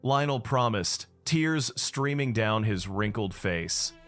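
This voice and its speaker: A man's voice: on the low side, expressive, slow pace, fairly bright tone, faint music behind. A man narrating a dramatic story recap in the first person.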